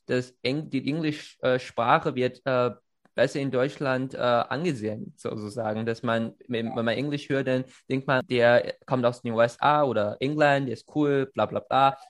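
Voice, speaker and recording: Speaking German in an informal chat, this conversation partner is a native Chinese speaker who stumbles through many fillers and false starts. His voice sits in the middle range, steady in tone and normal in speed.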